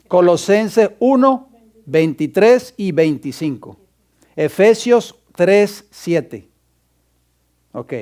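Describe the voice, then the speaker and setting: Male pastor in a church classroom, high clear voice, teaching and dictating verses to students. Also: a little mellow. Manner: quizzes the class and dictates scripture references. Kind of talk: Bible class lecture.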